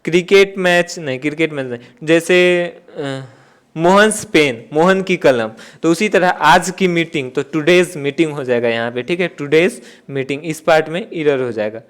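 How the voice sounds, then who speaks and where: A man with a high, smooth, clear voice gives an exam-prep grammar lesson. He works through each question step by step, asking and answering his own questions and circling back to stress the key points. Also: moderate pace, fairly bright tone. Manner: repeats key points with "theek hai". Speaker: exam-prep English teacher. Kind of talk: classroom-style exam lesson.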